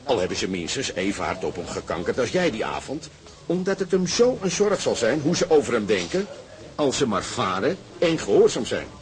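In a Dutch radio drama, an actor voices a fervent socialist sailor who lectures insistently and persuasively, firing off emphatic questions. The male voice is medium-pitched, very animated and brisk, with a natural sound and a fervent, agitated mood.

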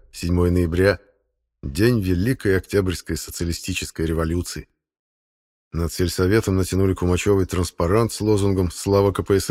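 Low-voiced guy reading a novel aloud, steady storytelling. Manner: steady first-person storytelling. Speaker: audiobook narrator. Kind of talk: scripted narration.

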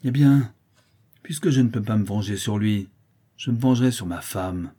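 Storybook role: a blind, vengeful old brigand, low and dark, gruff, as a male reader voices him. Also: normal speed. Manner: growling, bitter, menacing.

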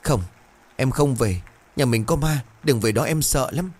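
A man's voice: medium pitch, measured pace, darkish tone, slightly rough, voice pushed up. A man voicing a terrified young mother who pleads and stammers in fear. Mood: panicked. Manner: frantic, stammering pleas.

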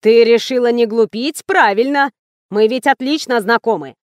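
A woman playing a loud scolding old village woman. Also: on the high side, dry recording, natural voice. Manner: loud, accusing, drawn-out scolding.

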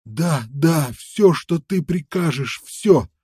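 A man's voice: on the high side, animated, slow, dark tone, husky, dry recording, studio quality, pitched above the performer's own voice, heavily acted. A man voicing a worn-out, toothless fur trader who stammers and pleads ingratiatingly in an audiobook. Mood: pleading.

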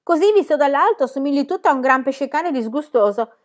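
A woman reading aloud and voicing a bold, cheeky young girl who talks loudly and teases. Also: high-pitched, animated, fast talker, pitched above the performer's own voice. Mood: teasing. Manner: loud, exclamatory, teasing.

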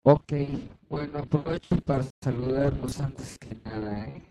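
A man's voice: mid-range voice, measured pace. Man on a choppy, noisy voice chat. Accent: Mexican. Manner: hesitant, repeats words as he speaks. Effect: choppy, breaking-up voice chat connection. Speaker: meeting participant, activist. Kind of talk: casual online group voice chat. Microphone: online voice chat. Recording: noisy, choppy internet voice line.

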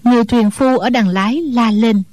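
A woman's voice: a little high, normal speed, no echo. Woman reading a martial-arts audiobook. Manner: steady storytelling. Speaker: narrator.

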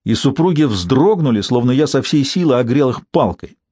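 A man reads an audiobook in a wry first-person style. His pitch moves in a lively way through each sentence. The recording is dry and close, with no room sound. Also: moderate pace, no room sound. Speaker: audiobook reader. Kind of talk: audiobook narration.

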